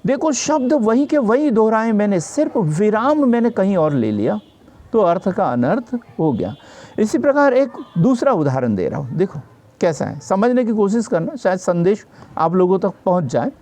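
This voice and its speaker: A man's voice: high-pitched, big pitch swings, normal speed, a little mellow. A man teaching a grammar lesson for exam preparation. He explains patiently, repeats each definition and checks in with his students.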